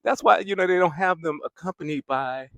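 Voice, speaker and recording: With a high-pitched, fairly quick voice marked by vocal fry and a fairly bright tone, a young man vlogs while strolling a city boulevard. He holds a handheld mic, rambles, laughs often and loops back to what he was saying, with no room sound.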